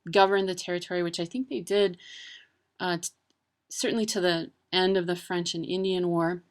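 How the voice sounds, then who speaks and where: A woman's voice: on the low side, steady tone, normal speed. A woman talking casually to camera about words and places, with lots of ums and uhs. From Wisconsin. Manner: chatty, many ums and uhs. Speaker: vlogger. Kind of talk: casual educational talk.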